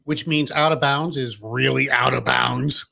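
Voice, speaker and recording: A middle-aged man co-hosting a casual talk show, full of quick dry jokes. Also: mid-range voice, fairly even intonation, gravelly, sharp tone. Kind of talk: casual radio-style chat.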